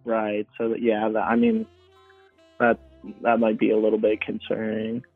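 A man's voice: lowish voice, completely flat delivery, moderate pace, breathy edge, no room sound, faint music behind. A young man calling in on speakerphone, chatting casually, agreeable and hesitant with frequent restarts. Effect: on speakerphone over a phone line. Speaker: caller. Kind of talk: casual chat. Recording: tinny dry phone line.

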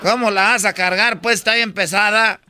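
A man's voice: high voice, steady tone, normal speed, heavy background noise. A man hosting a radio comedy show, joking and teasing his co-hosts. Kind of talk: casual radio banter.

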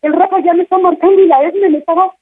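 A woman's voice: extremely high pitch, fairly even intonation, quick pace. A woman on the phone, praying fervently and then pleading in alarm. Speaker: prank call victim. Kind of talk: frantic phone conversation and praying. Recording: noisy phone line.

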